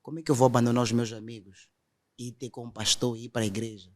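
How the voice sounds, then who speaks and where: A man's voice: mid-range voice, level tone, very fast. Earnest man telling his testimony. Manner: earnest storytelling, quotes others directly. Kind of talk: emotional testimony in conversation.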